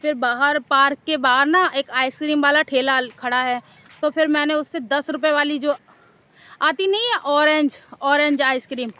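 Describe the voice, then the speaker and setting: A woman's voice: sits high, moderate pace, bright, forceful tone. A woman vlogger casually telling a story to camera outdoors in a park, chatty and rambling, often repeating herself.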